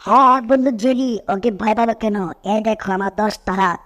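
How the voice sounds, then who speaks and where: A woman voicing a silly, friendly cartoon octopus who panics easily, squeaky and excitable. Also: brisk, lightly acted. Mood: boastful. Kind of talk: cartoon dub acting.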